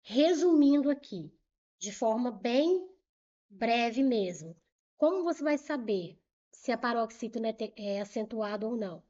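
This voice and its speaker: A woman's voice: a little high, lively intonation, mellow, lo-fi sound. Patient Brazilian woman teaching grammar. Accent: Brazilian Portuguese. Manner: patient, repeats rules slowly, asks and answers her own questions. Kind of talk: exam-prep grammar lesson.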